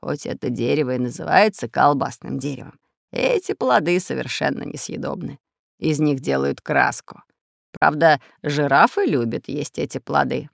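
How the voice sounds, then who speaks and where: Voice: mid-range voice, moderate pace, gravelly, dry recording, clean studio sound. A storybook narrator voicing a learned geographer professor who explains things patiently. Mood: explaining. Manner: explaining, lecturing.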